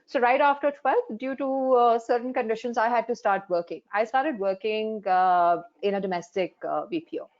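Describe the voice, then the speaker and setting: On a webinar panel over a video call, a life coach in her forties from India, whose first language is Hindi, frankly tells her career story with many fillers. Her voice is a little high and a little mellow, at a moderate pace with hardly any pauses, and the audio sounds dull.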